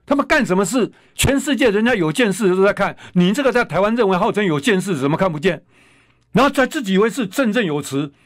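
Combative high-pitched radio host. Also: male voice, no room sound, clean studio sound. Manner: combative, scolding, hurls insults and rhetorical questions. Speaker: radio talk show host. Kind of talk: political commentary monologue.

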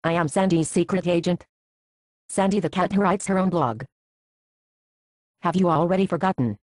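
A woman's voice: on the low side, normal speed, darkish tone, dry recording, natural voice. A woman playing a cat's bossy secret agent. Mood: playful. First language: Swedish. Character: female secret agent of a blogging cat. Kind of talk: home video skit.

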